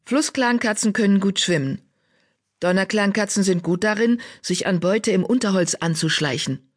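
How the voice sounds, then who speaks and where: A woman doing a calm, reasoning tomcat leader. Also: medium pitch, moderate pace, pitched above the performer's own voice, close to an everyday voice. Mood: persuasive. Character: male cat clan leader, calm and reasoning.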